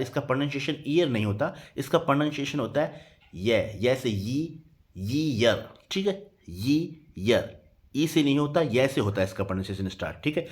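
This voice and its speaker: A patient man teaches an English grammar lesson at an even, unhurried pace. He spells each word out letter by letter. After every point he checks in with his students. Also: mid-range voice. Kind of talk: Hindi-medium grammar lesson.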